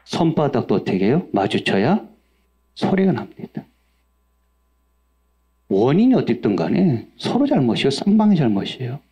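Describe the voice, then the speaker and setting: A man's voice: mid-range voice, sing-song, normal speed, pauses often, dark tone, breathy edge. A male pastor preaching a sermon, asking the congregation questions and acting out angry outbursts in a raised voice. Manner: asks the congregation questions and answers them himself.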